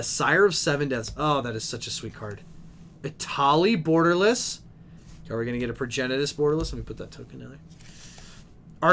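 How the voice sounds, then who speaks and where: Excitable young man streaming pack openings. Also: on the high side. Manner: excitable, reads card names aloud, chats with viewers. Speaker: game store streamer opening card packs. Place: game store. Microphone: desk microphone.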